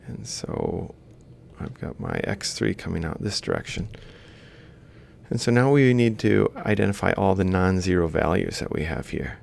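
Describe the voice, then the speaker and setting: The man's voice is creaky and a little mellow, with big pitch swings at a normal speed. He's a robotics lecturer in an informal session, drawing while he works an example, voicing each step and correcting himself. Faint noise and a low rumble sit in the background.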